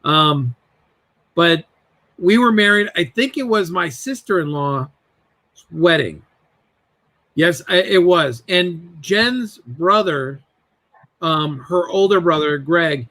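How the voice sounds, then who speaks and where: A man in his forties telling lively family stories on a podcast over a video call. His voice is bright and fairly high, and he slips into voices for the people he describes. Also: slow. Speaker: podcast guest. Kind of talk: casual storytelling.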